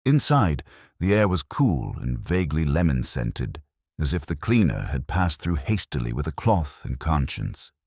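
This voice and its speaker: Narrating a detective tale with measured, literary care, this very deep-voiced man sounds husky and darkish. His pitch swings widely and freely, captured in a dry, close recording.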